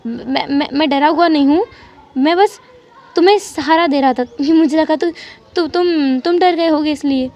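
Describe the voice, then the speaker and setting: A woman's voice: high-pitched, moderate pace, darkish tone, lo-fi sound, close to an everyday voice. A woman voicing a flustered young man who stammers as he denies being scared, in a storybook reading. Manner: stammering, defensive. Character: flustered young man hiding his fear.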